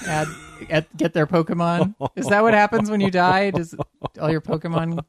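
Goofy, high-voiced joking man. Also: normal speed. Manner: goofy and joking, breaks into silly noises and sung bits. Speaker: podcast co-host. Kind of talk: casual chat.

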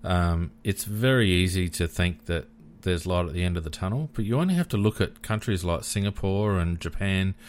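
An Australian man hosting a casual sports discussion, measured and hesitant as he thinks aloud. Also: low-pitched, slight background noise.

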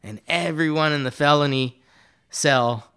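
A man's voice: a little high, unhurried, bright, forceful tone, clean tone. Laid-back man telling a rambling story. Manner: rambling, laid-back, profane, many fillers. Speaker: guest artist. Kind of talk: casual storytelling in a podcast interview.

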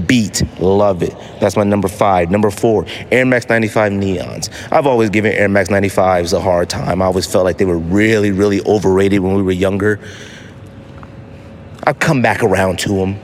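With a lowish voice and slight background noise, a man from the United States hosts a casual podcast alone. He talks emphatically in slang and repeats phrases to drive points home.

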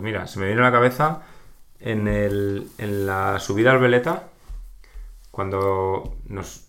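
A man with a Peninsular Spanish accent, chatting casually on a podcast, telling stories with frequent laughter. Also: fairly low pitch. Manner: animated storyteller, laughs often.

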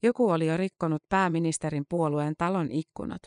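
A narrator giving a scripted reading of a long-form news article, with an even, measured delivery of dates and figures. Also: mid-range voice, smooth, no echo, clean studio sound.

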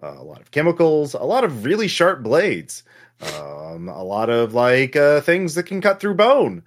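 A man serves as game master for a tabletop game, narrating casually and improvised, halting and pausing at length. His voice is a little high, with pitch that swoops wildly.

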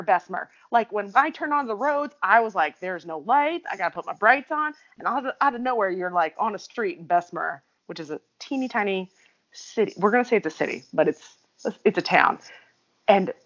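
A woman's voice: mid-range voice, lo-fi sound. A woman co-hosting a casual chat, telling long rambling stories and laughing often.

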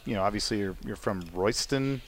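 A man's voice: on the low side, brisk. A man hosting a podcast, asking questions in playful, casual chat. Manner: playful, laughs easily. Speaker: podcast host.

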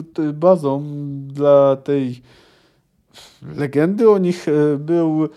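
A man's voice: fairly high pitch, dark tone. A man hosting a podcast, casually discussing a novel with frequent fillers and restarts. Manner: hesitant, many fillers and restarts.

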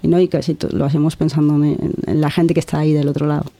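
A woman's voice: deep voice, level tone, very fast, mellow. A woman from Argentina with an Argentine accent, a guest content creator talking earnestly in a casual interview, often restarting words and adding "¿no?". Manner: earnest, reflective, frequent restarts and filler "¿no?".

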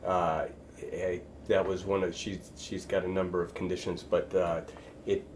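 A man in casual chat with friends, talking haltingly with many fillers and restarts. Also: deep voice, flat delivery, darkish tone, a little hiss or hum.

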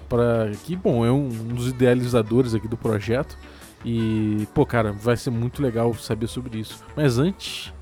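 A man's voice: medium pitch, warm tone. A man with a Brazilian Portuguese accent hosts a podcast in a casual, chatty, slangy way. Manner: informal, slangy. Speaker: podcast host.

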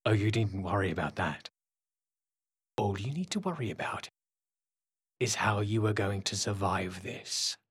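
A man's voice: lowish voice, lively intonation, husky, no echo, studio quality, exaggerated voice. A man voicing a mocking, menacing villain. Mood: mocking menace. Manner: taunting, slow and menacing, sometimes whispering. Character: cruel scheming male villain, mocking. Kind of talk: audiobook character voice.

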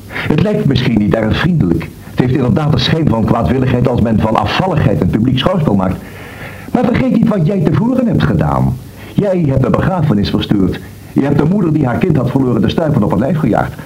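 An actor playing an earnest friend who reasons with a doubter and warns him, in a radio drama. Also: male voice, mid-range voice, big pitch swings, fairly quick, warm tone, slight background noise, lightly acted, rough recording. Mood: reasoning. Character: earnest man warning his doubting friend.

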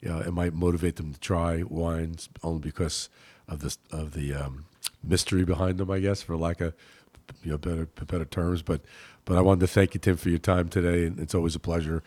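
A man hosting a podcast in casual conversation, halting and often repeating his words as he goes. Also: deep voice, little pitch movement, dark tone. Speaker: podcast host.

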